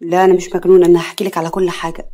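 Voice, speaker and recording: A woman's voice: on the low side, flat delivery, very fast, warm tone, natural voice. A woman storyteller voicing an emotional young Egyptian woman who pleads with her mother. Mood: pleading. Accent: Egyptian Arabic.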